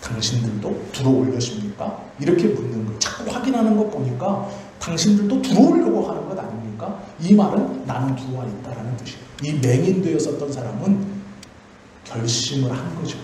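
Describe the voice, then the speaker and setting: A man's voice: medium pitch, big pitch swings, normal speed, warm tone, a little hiss or hum. A male pastor giving a Friday prayer sermon in a church, explaining by asking questions and then answering them himself. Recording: very echoey church hall.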